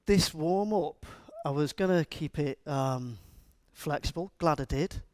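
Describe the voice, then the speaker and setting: Recorded dry and at studio quality, a middle-aged Liverpool man with a Scouse accent talks to a conference room at a measured pace in a somewhat high, slightly mellow voice. As an agile coach and conference speaker, he keeps things chatty and funny, quizzing the audience.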